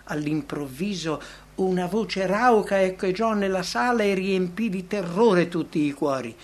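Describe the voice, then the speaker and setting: A man reading a religious book aloud as scripted narration. His delivery is dramatic, swelling and then dropping to near-whispers at the ends of phrases. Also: a little high.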